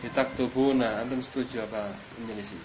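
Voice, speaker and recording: A man's voice: mid-range voice, steady tone, fairly quick. Guy teaching arabic grammar to a class, quizzes students, dull hissy recording. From Indonesia. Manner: questioning students, stressing drill words. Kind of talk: classroom lesson.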